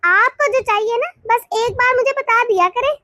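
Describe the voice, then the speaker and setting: A woman voicing a brisk, domineering young married woman in a storybook cartoon. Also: very high voice, sharp tone. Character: bossy young married woman, household head. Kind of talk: animated cartoon dialogue.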